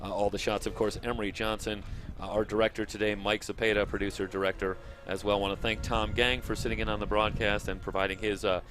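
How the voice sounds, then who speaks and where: A male sports broadcast host with a fairly low voice delivers a live sign-off. He ad-libs with halting pauses, and faint music plays behind him. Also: level tone, a bit bright.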